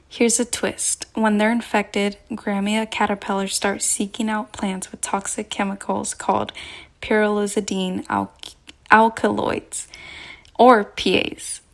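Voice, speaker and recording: A woman's voice: medium pitch, vocal fry. A woman presenting scripted educational narration, explaining things directly to the listener.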